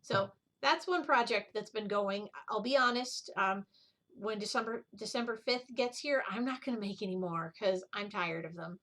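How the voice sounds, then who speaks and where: A middle-aged woman with a medium-pitched, fairly bright voice chats casually at a moderate pace. She hosts a needlework show-and-tell vlog, rambling and drifting off onto tangents.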